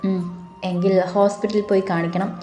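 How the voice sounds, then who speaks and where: A woman voicing a gruff but caring young husband in a romantic audiobook, low, teasing and offhand. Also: little pitch movement, brisk, dark tone, natural voice. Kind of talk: audiobook dialogue reading. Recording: roomy with faint music.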